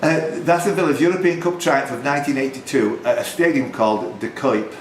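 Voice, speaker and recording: This pub quiz host talks fairly quickly in a medium-pitched voice. Reading questions aloud in a tavern quiz room, he throws in chatty, teasing jokes. The live recording sounds roomy and a little noisy.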